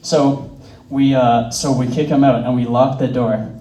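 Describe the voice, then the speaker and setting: A man's voice: mid-range voice, little pitch movement, measured pace, warm tone, slight background noise. A young man telling stand-up stories in a rambling way, full of fillers, laughing at his own jokes. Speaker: stand-up comedian. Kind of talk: stand-up storytelling. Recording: roomy, distant mic.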